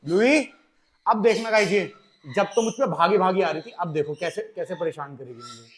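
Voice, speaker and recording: A man's voice: sits high, lively intonation, normal speed. A man filming a casual home vlog about his pet birds, chatting to viewers and playfully scolding and coaxing the birds. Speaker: pet vlogger. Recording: noisy with bird squawks behind.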